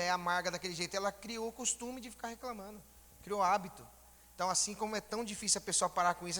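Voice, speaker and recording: Brief: male church elder, higher voice, bright tone, informal conversational sermon, reverberant church hall. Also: slight background noise. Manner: informal, asks the congregation rhetorical questions.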